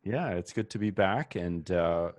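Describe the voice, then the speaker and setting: Low-voiced man hosting a podcast. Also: animated, unhurried, a little mellow, dry recording. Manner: loose, friendly, filler-laden introductions. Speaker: podcast host.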